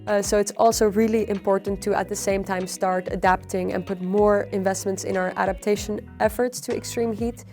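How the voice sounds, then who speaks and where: A young adult woman, a PhD researcher, explaining in measured interview answers with frequent ums and uhs. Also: mid-range voice, soft background music. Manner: measured, even, with frequent fillers. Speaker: PhD researcher on extreme heat.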